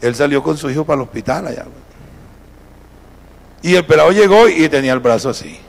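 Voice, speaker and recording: A man's voice: fairly high pitch, lively intonation, a little fast, vocal fry. A man preaching a sermon as pastor, telling a story and acting out the people in it. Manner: storytelling, acting out quoted voices. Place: church.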